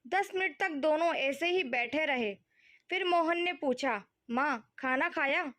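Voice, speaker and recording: A woman with a high voice reads a family story aloud. Her narration is calm and measured, paced for storytelling.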